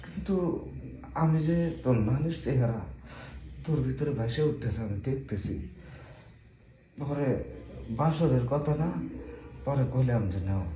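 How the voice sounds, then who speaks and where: A man playing an elderly village grandfather who tells old stories and scolds loudly. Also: medium pitch, lively intonation, measured pace, pauses often, a little hiss or hum, lightly acted. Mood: reminiscing. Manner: folksy storytelling, then loud scolding. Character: elderly village grandfather, later a blustering husband. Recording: roomy indoor recording.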